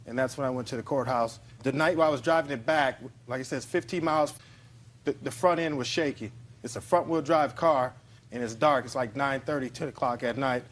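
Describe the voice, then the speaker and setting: Man, medium-pitched, TV court plaintiff, matter-of-fact, colloquial testimony. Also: brisk. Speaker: plaintiff in TV small-claims court.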